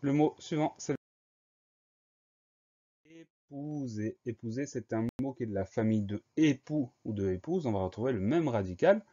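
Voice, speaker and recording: A man teaching a spelling lesson, slowly spelling each word out letter by letter and explaining its grammar. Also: mid-range voice, animated, dark tone. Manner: slow, spells words letter by letter. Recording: slightly dull lo-fi sound.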